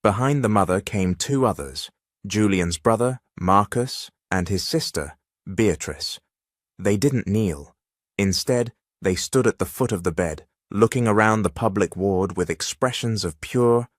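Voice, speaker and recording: A man reading a dramatic story as narrator in a steady, measured way. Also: low voice, no echo, clean studio sound.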